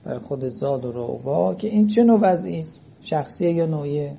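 Husky-voiced man teaching a lecture class. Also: a little high, lively intonation. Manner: checks understanding with frequent questions. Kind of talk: seminary-style lecture. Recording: dull lo-fi recording.

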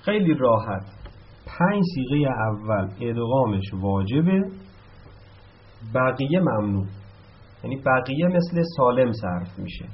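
A man teaching a grammar lesson, explaining step by step and answering his own questions, slowing down to spell out each verb form. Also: mid-range voice, big pitch swings. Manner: slows down to spell out verb forms. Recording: slightly dull, lo-fi recording.

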